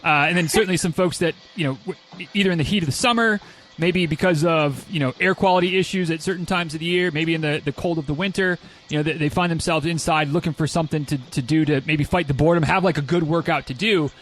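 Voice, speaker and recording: A man with a fairly high voice hosts a podcast in a casual, conversational way. He rambles toward his questions, doubling back on words as he goes. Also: quick pace, fairly bright tone. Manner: rambling, repeats words while forming questions. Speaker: podcast host, running coach.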